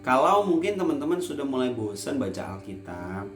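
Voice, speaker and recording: A man's voice: very animated, a little fast, faint music behind. Playful youth preacher man, echoey room. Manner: playful, teasing asides; swings from loud emphasis to quiet low lines. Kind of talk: casual youth sermon. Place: church online service.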